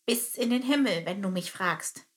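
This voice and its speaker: A woman's voice: medium pitch, animated, moderate pace, lightly acted. A woman voicing a stern male termite captain who speaks in a clipped, metallic military manner in a storybook reading. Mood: friendlier. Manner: curt, clipped military commands.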